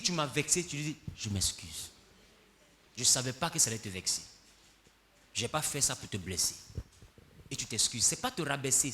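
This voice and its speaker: Animated preacher with bright, lively voice. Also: male voice, a little high, slight background noise. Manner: animated preaching, swinging from quiet asides to shouts; acts out little dialogues between people. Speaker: pastor. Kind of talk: sermon.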